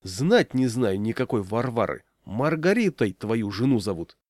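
A man's voice: mid-range voice, big pitch swings, a little slow, dry recording, studio quality. A man playing a blustering bully. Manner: yelling, blustering. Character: brash bullying man, the guest.

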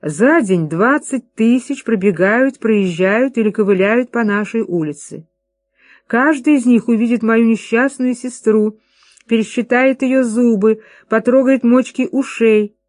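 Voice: medium pitch, measured pace, no room sound, studio quality, natural voice. A reader voicing an eager young son making a persuasive case to his father.

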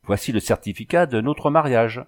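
A man's voice: mid-range voice, normal speed, close to an everyday voice. A man voicing an earnest young husband who keeps pressing his wife with questions. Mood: insistent.

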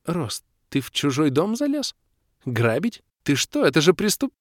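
A man voicing an excitable young woman in an audiobook, squealing and firing rapid questions. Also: on the high side, no room sound, clean studio sound, pitched above the performer's own voice. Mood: pestering. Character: excitable young woman, shrieking, quick to pester. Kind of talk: audiobook character voice.

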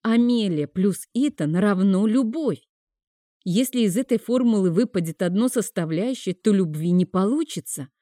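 A woman reading a first-person romance novel aloud, expressive and steady. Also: mid-range voice, moderate pace, no echo, studio quality. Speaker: audiobook narrator.

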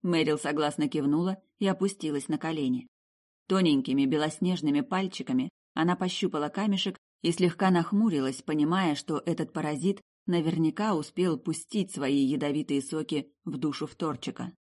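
A woman narrates a fantasy audiobook with measured, expressive storytelling. Her voice sits low, and she reads from a script.

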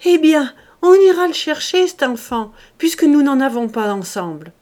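A woman's voice: medium pitch, animated, normal speed, breathy edge. A woman doing a bluff country farmer. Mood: jovial. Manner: loud, repetitive, rustic speech. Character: bluff middle-aged male farmer, rustic.

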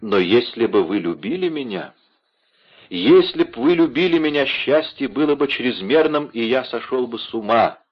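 A man's voice: mid-range voice, animated, moderate pace, vocal fry, dull audio. A man playing a passionate, devoted young nobleman in an audiobook, speaking ardently. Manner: ardent, impassioned.

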